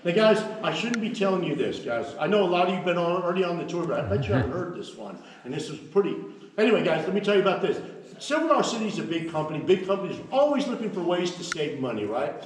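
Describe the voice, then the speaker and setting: Male cave tour guide: high, animated, folksy and jokey, recorded in heavy cave echo from a distance. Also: quick pace. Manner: folksy, jokey, keeps calling the group "folks" and "guys". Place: inside a large cave. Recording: cave echo, voice far from the mic, faint noise.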